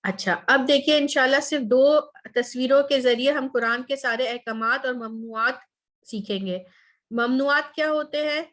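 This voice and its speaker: A woman's voice: high-pitched, moderate pace, fairly bright tone. A woman teaching a Quran Arabic class online, explaining step by step and checking in with her students often.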